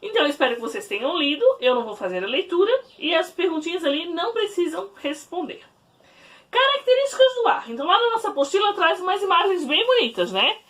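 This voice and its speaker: Woman teacher recording a class at home, high and animated voice, a bit distant from the mic. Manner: warm didactic, explaining slowly to children with frequent "né?". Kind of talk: recorded remote class lesson. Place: at home, in her bedroom.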